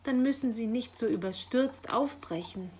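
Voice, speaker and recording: Brief: a woman doing a fussy magpie lady in an audio storybook, high and excitable, quick to fluster. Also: a little hiss or hum, natural voice. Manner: eager, flustered, rising excited lines. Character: fussy chattering female magpie postmistress.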